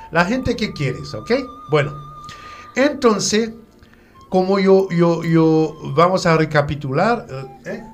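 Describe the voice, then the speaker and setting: A man whose first language is French teaches pronunciation, slowly repeating letters and words. His voice sits fairly high, and faint music plays underneath. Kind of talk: radio French lesson.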